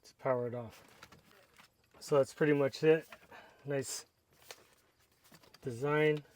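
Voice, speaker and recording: Taking his time, a medium-pitched man talks through a product review in a relaxed way. He walks through every step while his hands are busy with the work.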